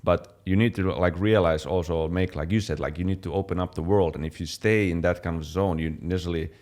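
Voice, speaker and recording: A young man from Finland chatting casually as a fitness channel co-host, relaxed, with many fillers and restarts. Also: low-pitched, fairly quick. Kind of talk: casual chat.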